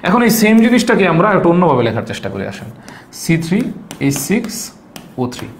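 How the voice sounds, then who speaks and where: A man's voice: sits high, big pitch swings, fast talker, roomy sound, slight background noise. A man teaching a biology lecture to students, asking questions and answering them himself, with English words mixed into his Bengali. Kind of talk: recorded classroom lecture.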